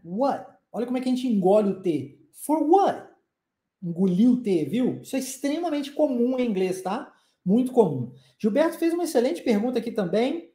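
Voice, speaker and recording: A woman with a Brazilian Portuguese accent teaching English in a live online lesson. She keeps checking in with the listener, and she says the English model sentences slowly and deliberately. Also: mid-range voice, reverberant. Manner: lively, coaxing, with frequent check-ins to the listener.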